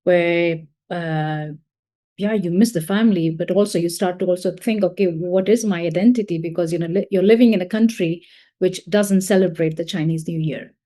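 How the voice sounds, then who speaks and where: A woman's voice: on the low side, normal speed, mellow. A woman hosting a podcast interview, asking long, meandering questions. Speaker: podcast host.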